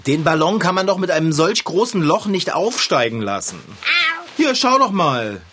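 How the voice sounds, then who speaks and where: A man playing a fussy, soft-hearted bicycle tinkerer with a bright, husky voice in a children's audio drama. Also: a little high, big pitch swings, moderate pace, a little hiss or hum. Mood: fretful.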